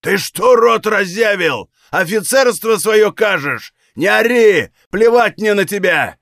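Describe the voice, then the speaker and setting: A man voicing a small, spiteful, hotheaded Cossack who shouts and quarrels. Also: sits high, lively intonation, takes it slowly, vocal fry, no echo, clean studio sound, voice pushed up, heavily acted. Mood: heated shouting.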